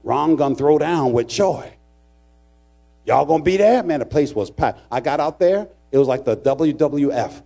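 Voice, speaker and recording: This pastor, a middle-aged man, has a fairly high, gravelly yet mellow voice with lively intonation and an ordinary pace. Preaching in a church sanctuary, he tells humorous stories and jokes dramatically with his congregation.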